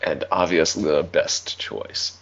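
Man, tabletop player, very deep, gravelly, dry, casual, slightly muffled. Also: steady tone, takes it slowly, fairly bright tone. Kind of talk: casual in-character play.

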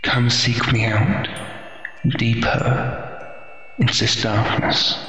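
A man voicing a mysterious, sinister spirit that coaxes slowly and in a hushed, deliberate way during a tabletop role-play. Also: mid-range voice, steady tone. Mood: coaxing, sinister. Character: mysterious dark spirit voice, coaxing, sinister tempter. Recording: dull, very echoey, music behind.

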